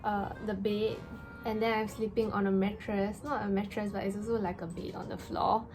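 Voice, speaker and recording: A young woman telling a story in a casual vlog rant, with an animated, exasperated, slangy delivery and emphatic stresses. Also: medium pitch, normal speed. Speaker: vlogger. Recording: music playing behind the voice. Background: background music.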